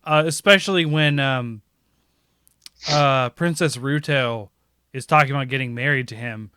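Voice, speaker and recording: A man co-hosting a casual gaming podcast, talking in an animated way and laughing easily. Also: medium pitch, unhurried, clear, resonant tone, no room sound, studio quality. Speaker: podcast co-host.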